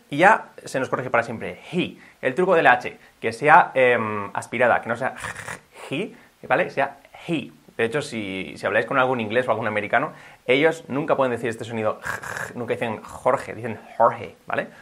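A man's voice: medium pitch, fairly bright tone. A man from Spain with a Spanish accent, teaching pronunciation in a video lesson, upbeat and drilling phrases by repetition. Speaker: English teacher.

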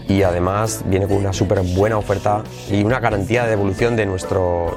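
Man teaching English phrases slowly. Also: on the low side, darkish tone. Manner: drills phrases slowly and repeats them; laughs at own slips. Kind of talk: podcast lesson.

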